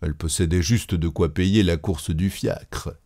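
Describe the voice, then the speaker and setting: Man narrator, low, slow, expressive storybook reading.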